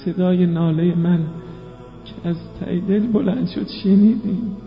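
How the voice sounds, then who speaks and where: A man's voice: high-pitched, fairly even intonation. A man preaching a mourning sermon, moving between spoken telling and melodic chanting of quoted lines. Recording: reverberant hall, dull lo-fi sound, faint music.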